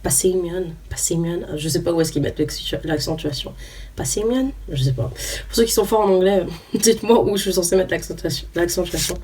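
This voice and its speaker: In a casual unboxing chat, a young woman opens trading cards and names each one aloud, hesitating and using many fillers. She talks quickly in a fairly low, dark voice, a little distant from the mic amid faint noise.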